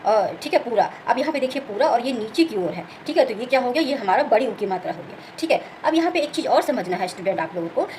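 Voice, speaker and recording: A woman teacher talks quickly in a fairly high voice. She explains a grammar lesson point by point and keeps asking whether it is clear. Faint background noise sits under her voice. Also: animated, a little mellow, poor audio. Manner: explains step by step, often asks "clear?" and says "okay".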